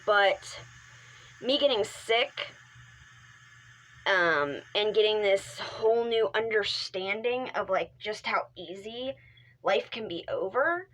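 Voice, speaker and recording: Young female vlogger, middle-pitched, casual and rambling, candid with the odd swear. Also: slow, fairly bright tone, poor audio. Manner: rambling, frequent fillers and restarts; drops into whispered asides. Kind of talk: casual talk to camera.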